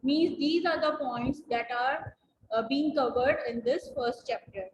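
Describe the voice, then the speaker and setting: A woman with a high voice gives a biology lesson over a video call, repeating each definition patiently for her students. She sounds echoey in the room, with faint noise behind her. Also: unhurried, muffled recording. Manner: patient, repeats key points, addresses students as "beta". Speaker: biology teacher. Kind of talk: online class lecture.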